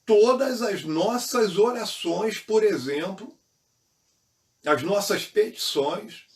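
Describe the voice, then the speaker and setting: Brazilian male Sunday school teacher, slightly high voice, earnest, a little off-mic in a church. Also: recorded from a distance. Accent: Brazilian Portuguese. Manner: earnest, repeats key phrases. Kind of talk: Bible lesson teaching.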